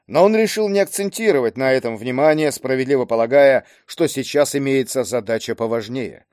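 Man, audiobook narration, measured, mid pitch, dry close sound. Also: a little mellow, no room sound.

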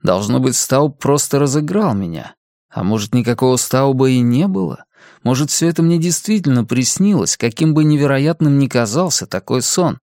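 An audiobook narrator with a medium-pitched voice reads a novel aloud in a calm, measured storytelling style. The scripted narration has clean studio sound with no room ambience.

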